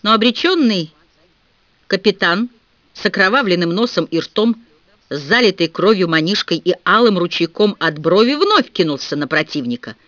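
Male audiobook narrator, lively expressive reading, dry dead-room sound. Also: high voice, moderate pace, no room sound. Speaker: audiobook reader. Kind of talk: scripted narration. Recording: dull dry audiobook recording.

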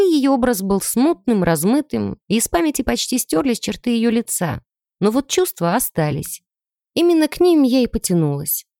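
A woman narrating a first-person audiobook in an expressive storytelling manner. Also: medium pitch, no room sound, clean studio sound.

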